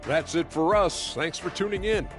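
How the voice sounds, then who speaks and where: A man's voice: fairly high pitch, normal speed, a bit bright, soft background music, natural voice. A man presenting a basketball studio show as host, polished and upbeat.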